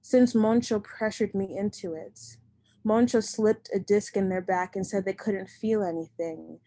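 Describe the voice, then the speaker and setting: This is a poetry reading hosted by the poet herself, a young woman speaking at home through a computer microphone. Her mellow voice sits at an ordinary middle pitch, and she takes each line slowly and with care. In the gaps between poems, her talk turns relaxed and conversational.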